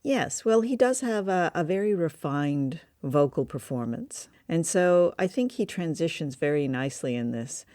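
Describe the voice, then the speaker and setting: In a casual review chat on a podcast she co-hosts, a woman talks about an old radio play, chatty and amused and posing questions. Her deep, warm voice is expressive, moving at a moderate pace with few pauses. The audio is studio quality with no room sound.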